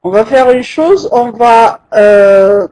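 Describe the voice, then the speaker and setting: A teacher giving a live online language lesson, patient and hesitant, with frequent pauses. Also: medium pitch, warm tone. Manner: counts syllables aloud, slowly and deliberately. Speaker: French teacher.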